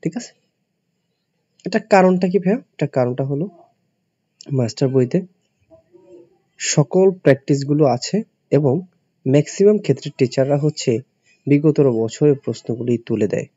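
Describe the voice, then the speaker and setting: A man's voice: on the high side, moderate pace, long pauses, dark tone, breathy edge, no echo. Man teaching spelling, dull lo-fi sound. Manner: explains step by step, spells out letters, asks students rhetorical questions. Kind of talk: classroom-style lesson for admission students. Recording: dull, dry lo-fi recording.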